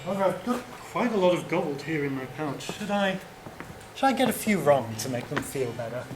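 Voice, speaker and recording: A pompous, devious adventurer, played by a man who talks in a grand, theatrical way, his voice sitting high. The sound is roomy, with background noise in the theatre. It's live improv comedy. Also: sing-song, a little fast. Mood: grandiose.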